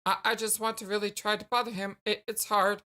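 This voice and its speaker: Woman as awkward, timid alien boy for a game; bright voice, flustered stutter, hesitant phrasing. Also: medium pitch, level tone, natural voice. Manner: stammering, halting, hesitant.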